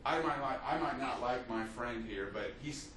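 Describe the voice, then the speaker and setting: Telling history as a story, a man teaches an unscripted lecture full of fillers and restarts, speaking at a moderate pace in a medium-pitched voice. The recording has background noise and comes from a distant mic in an echoey room.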